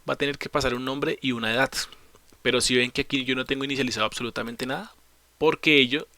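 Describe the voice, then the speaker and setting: Male tutor with a bright voice for a screen-recorded coding lesson. He walks through each step, poses questions and answers them himself, with keyboard typing behind. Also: medium pitch, no room sound. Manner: explains step by step, asks and answers his own questions, corrects slips. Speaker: programming teacher.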